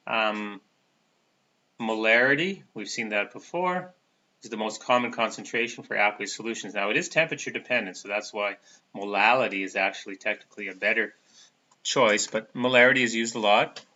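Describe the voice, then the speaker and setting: Lo-fi male chemistry lecturer, halting. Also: lowish voice, sharp tone. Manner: casual, halting, many fillers. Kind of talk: recorded lecture. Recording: dull lo-fi recording.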